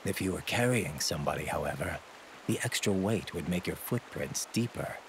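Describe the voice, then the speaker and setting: A video game tactical adviser. His voice is low, patient and instructive, over clearly audible rainy hiss. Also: expressive, moderate pace. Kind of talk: game mission briefing dialogue. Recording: noisy, hiss like rain.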